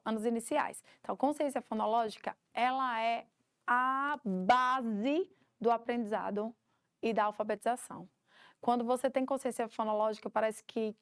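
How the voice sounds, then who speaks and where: A woman with a high voice teaches a recorded course for teachers. She explains each step and acts out little classroom examples. The recording is close and dry, with no room sound. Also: dry recording. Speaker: teacher trainer.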